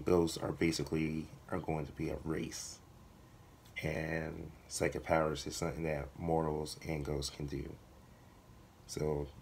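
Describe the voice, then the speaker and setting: Hoarse, low-voiced man, voice giving out. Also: a little hiss or hum. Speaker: video blogger, writer. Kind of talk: casual vlog talk to viewers.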